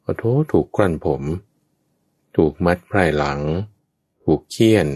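A man's voice: sits low, measured pace, a little mellow, dry recording. A man preaching a Buddhist scripture story, addressing his listeners directly with chatty asides. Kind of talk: storytelling Dhamma talk.

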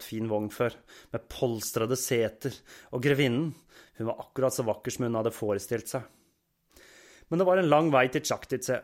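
Man narrating a history podcast. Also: medium pitch. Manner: measured storytelling.

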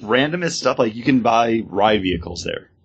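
A man's voice: medium pitch, animated, moderate pace, breathy edge, muffled recording. A man with an American accent, a podcast co-host explaining things in an informal, enthusiastic way. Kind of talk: casual informative chat.

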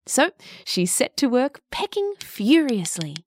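A woman narrating a children's story and guiding a mindfulness moment, gentle and expressive with dramatic pauses. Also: high voice, a little hiss or hum.

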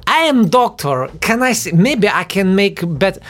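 A man voicing a young man with a fake Ukrainian accent, slow, pleading broken English. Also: high voice, sing-song, fairly bright tone, voice pushed up, exaggerated voice.

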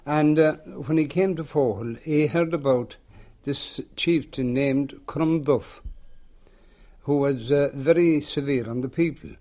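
An elderly man with a rural western Irish accent tells a tale aloud in a lilting, unhurried storyteller's way. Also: fairly high pitch, mellow. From rural west of Ireland. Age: older, seventies or above. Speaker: local folklore teller. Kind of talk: oral storytelling in an interview.

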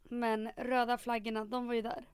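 A woman's voice: on the high side, little pitch movement, clean tone, no room sound, studio quality. A woman co-hosting a casual podcast chat who reacts with wry, sarcastic remarks. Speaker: podcast co-host.

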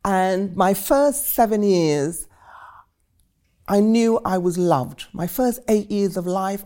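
Telling her life story as a guest, a Trinidadian woman in her seventies reflects in vivid, rhetorical language. Her voice is fairly low in pitch and warm.

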